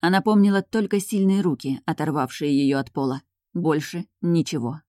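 Low, dark-voiced woman narrating a story. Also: normal speed. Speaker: audiobook narrator. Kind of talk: scripted narration.

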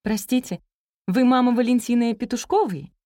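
A woman's voice: a little high, normal speed, mellow, no echo, clean studio sound, voice pushed up, lightly acted. A woman voicing a flustered, eager young female teacher in an audiobook story, talking in a nervously cheerful, babbling way. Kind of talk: audiobook character reading.

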